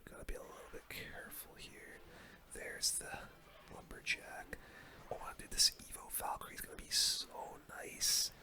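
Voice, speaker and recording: This ASMR gaming commentary comes in a soft, breathy, unvoiced whisper right up on the microphone. The host murmurs play-by-play laced with gamer slang at normal speed, keeping it casual.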